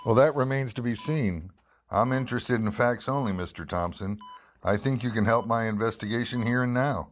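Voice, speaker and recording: A man plays a persistent, dry-witted investigative newspaper reporter in an old-time radio drama, delivering first-person narration and dialogue. He sounds matter-of-fact and clipped with a sardonic edge, in a dry, probing mood. His voice is mid-range at normal speed, lightly acted, with slight background noise.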